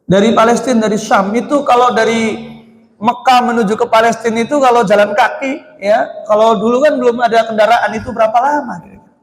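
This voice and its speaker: A man's voice: very high-pitched, fairly even intonation, brisk. A man with an Indonesian accent giving a mosque study lecture, who asks his listeners questions and then answers them himself. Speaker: Islamic teacher. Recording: echoey hall.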